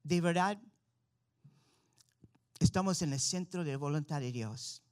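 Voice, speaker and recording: A native English-speaking American man from Florida gives an earnest missionary testimony and sermon to a church congregation in an American accent. His voice is fairly high-pitched and a little mellow, and he speaks unhurriedly.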